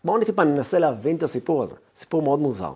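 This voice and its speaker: High, lively male lecturer. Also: slightly rough. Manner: animated storytelling, rising and dropping to a hush. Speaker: Torah lecturer.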